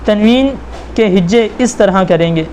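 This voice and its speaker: Guy teaching quran reading really slowly, drags out each syllable, faint hiss behind. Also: high voice, a little mellow. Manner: spells out syllables slowly, drawing them out for the learner; patient, repetitive explaining. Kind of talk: step-by-step teaching lesson.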